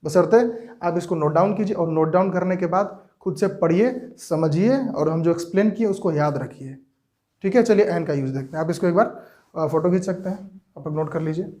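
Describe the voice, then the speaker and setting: A man with a notably high voice and a Jharkhand Hindi accent teaches English grammar to a class. He keeps asking rhetorical questions and answering them himself, and he slows down and stretches key words to drive the point home. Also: mellow. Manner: stretches words slowly for emphasis.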